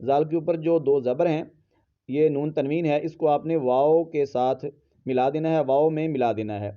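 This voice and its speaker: Man, tajweed teacher, very dark mellow voice, smooth and clear, patient letter-by-letter explanations, slightly dull audio. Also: on the high side. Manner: patient step-by-step spelling of letters, drawn-out melodic recitation. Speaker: Quran recitation teacher. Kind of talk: tajweed lesson with slow chanted recitation.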